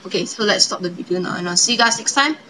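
A young woman casually presenting a card trick, improvising her patter in a hesitant, halting way. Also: mid-range voice. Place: indoors at a table. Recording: noisy home webcam-style recording.

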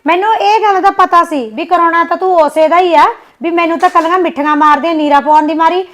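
A woman's voice: very high-pitched, fairly even intonation, fairly bright tone. A woman with a Punjabi accent acting a young village wife in a short film, complaining and snapping back. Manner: sulky, complaining, quick retorts.

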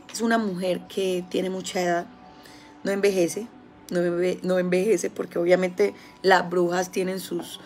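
A woman with a Colombian accent giving a casual spiritual talk, telling stories with lively, acted-out quotes. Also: fairly low pitch. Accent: Colombian Spanish. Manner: animated storytelling, acting out quoted voices. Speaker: spiritual healer.

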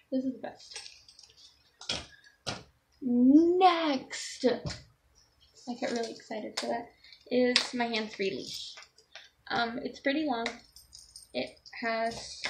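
A young woman with a fairly high voice chats loosely to her camera, showing off gear with lots of ums and restarts. A faint hiss sits under her casual vlog talk. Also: steady tone, takes it slowly, long pauses. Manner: rambling, self-correcting, with frequent ums. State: has the hiccups. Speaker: vlogger with a service dog. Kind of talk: casual show-and-tell vlog.

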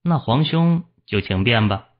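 A man voicing a calm, cold and mocking young male cultivator in a fantasy audiobook, speaking in a cool, mocking way. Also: mid-range voice, measured pace. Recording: dull lo-fi audio.

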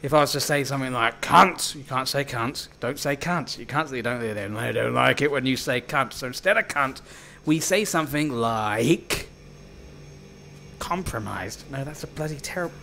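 Man, live gaming commentary, bright tense voice, sweary, playful, theatrical. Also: mid-range voice, moderate pace, vocal fry. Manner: profane, playful, mock-theatrical taunting. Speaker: streamer.

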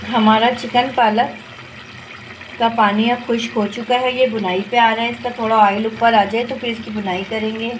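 A woman who runs a cooking channel talks her viewers through each step of a home-cooked dish, speaking at a normal speed in a slightly high voice with little pitch movement. Her phone captures it all from over the stove in her kitchen. There's a noisy backdrop of frying sizzle and a pot being stirred.

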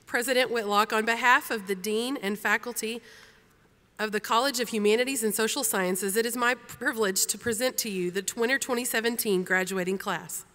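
Bright-voiced woman announcing in a hall. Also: fairly high pitch. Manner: measured, formal. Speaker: commencement presenter. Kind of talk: formal ceremony announcement. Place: large auditorium. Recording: long hall reverb, faint crowd.

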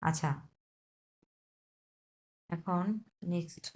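A woman's voice: on the low side, flat delivery, drawn-out words. A woman teaching a beginner Chinese class, patiently repeating and breaking down each word, mixing in English terms. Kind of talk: explaining Chinese vocabulary in Bangla.

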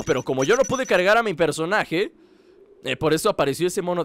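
A man giving excited, joking commentary while playing a fighting game, shouting during fights. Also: sits high, a little hiss or hum. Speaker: gameplay streamer.

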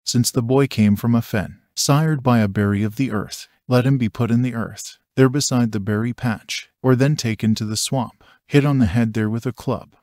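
A man reading the lines of an ancient male seer and magician, slow and solemn. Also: medium pitch, fairly even intonation, a little mellow, dry recording, clean studio sound, lightly acted. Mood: gloomy, stern.

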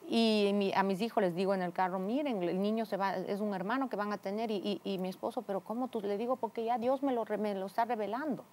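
A woman guest telling a personal faith testimony, acting out the voices in her story with sudden high jumps. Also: fairly even intonation, fast talker, few pauses, darkish tone. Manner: acts out quoted dialogue with big pitch jumps. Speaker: interview guest.

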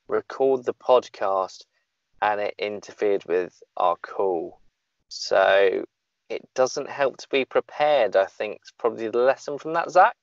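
A man's voice: medium pitch, no echo, highs cut off. A man co-hosting a casual podcast, rambling and joking at his own expense. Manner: joking, rambling, self-deprecating. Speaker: podcast co-host.

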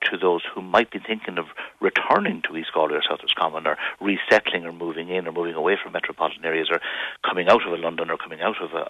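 A man with a west of Ireland accent talks in a radio interview, formally and at length. His low voice is gravelly and forceful, and he moves along quickly, piling up lists. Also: no echo, lo-fi sound. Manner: wordy, formal, listing points. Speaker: interview guest.

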